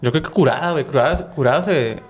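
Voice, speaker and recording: Slangy Tijuana man, higher voice. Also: quick pace, soft background music. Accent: northern Mexican, Tijuana. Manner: relaxed, slangy, asks questions. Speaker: podcast co-host. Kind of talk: casual chat.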